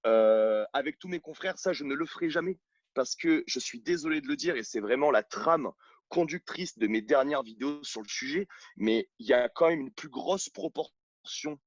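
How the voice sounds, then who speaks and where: Blunt, emphatic French coach, dry sound. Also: male voice, mid-range voice, animated, normal speed, no echo, muffled recording. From France. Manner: blunt, emphatic, many restarts and fillers. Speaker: CrossFit coach and gym owner. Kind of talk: outspoken interview talk. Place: at home on his sofa. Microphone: own camera.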